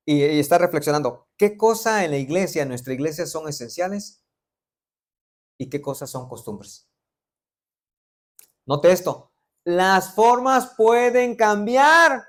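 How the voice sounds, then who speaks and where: A man's voice: sits high, slow pace, pauses often. A middle-aged man from Veracruz with a Veracruz Mexican Spanish accent, preaching a sermon and quizzing the congregation with joking asides. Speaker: pastor.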